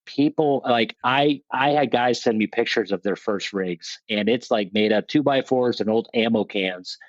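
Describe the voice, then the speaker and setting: Here a man who heads a veterans motorsport program chats as an interview guest, speaking plainly, putting himself down a bit, rambling and restarting often. His pitch is medium and his pace moderate. No echo is present, but the high frequencies are missing.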